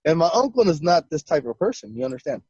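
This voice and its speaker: A man with a high, excitable voice tells his encounter story as a guest, jumping into the voices of the people he quotes and laughing as he goes. The sound is dull and lo-fi, and the room is dry. His telling is animated. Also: fast, breathy edge, dry recording.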